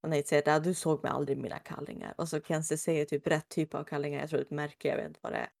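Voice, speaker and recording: A woman's voice: sits low, creaky. A woman casually retelling a TV episode scene by scene, acting out the characters' lines as she goes. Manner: animated retelling, acting out quotes.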